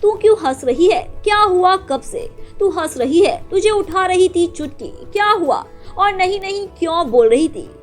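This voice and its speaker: A woman voicing a worried village mother who fires off rapid fussing questions. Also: very high-pitched, lively intonation, soft background music, voice pushed up.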